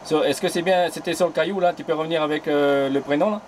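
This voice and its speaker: A radio amateur films himself during a casual contact from his home station on an island, talking into an old handheld mic on a transceiver. His voice is on the high side, steady and quick, against a noisy background. He's friendly and full of fillers, tacking "là" onto almost every phrase.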